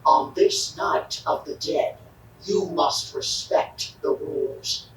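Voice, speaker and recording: A man's voice: slow, lightly acted. A man voicing an ominous spirit from beyond in a Halloween audio drama, with a solemn, menacing delivery. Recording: echoey, distant, noisy.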